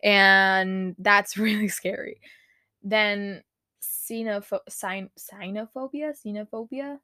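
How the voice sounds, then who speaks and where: Young woman, solo podcast host; unhurried, giggly and foul-mouthed, reading a list aloud; dry close mic. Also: mid-range voice, steady tone, bright, forceful tone, no echo. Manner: giggly and frank, swears, reads a list aloud. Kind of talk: casual solo podcast chat.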